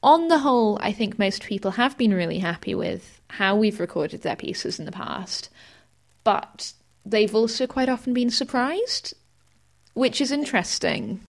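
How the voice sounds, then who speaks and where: A woman podcast host and editor who explains things in an easy, gently self-mocking way. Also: fairly high pitch, expressive, unhurried, vocal fry. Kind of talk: casual podcast chat.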